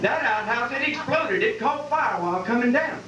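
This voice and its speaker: A man's voice: very high voice, expressive, normal speed, bright, forceful tone. Folksy cowboy drawl, man, echoey distant recording. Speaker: event host and cowboy poet. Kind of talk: folksy live comic poem recital and announcing. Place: live benefit event before an audience. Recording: distant, echoey, muffled live hall with noise.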